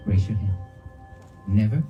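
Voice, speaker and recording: A low-pitched man with a Vietnamese accent gives a dharma talk, speaking in short, broken phrases. He keeps checking in with the crowd by asking them questions. Music plays clearly in the background. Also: a little slow, lo-fi sound. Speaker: Buddhist monk giving a talk. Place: outdoors by a church cemetery.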